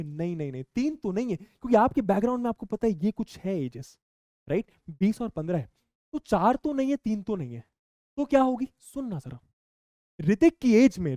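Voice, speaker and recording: A young man teaching a maths lesson to students, lively, repeating key points and asking the class questions. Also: high voice, no echo.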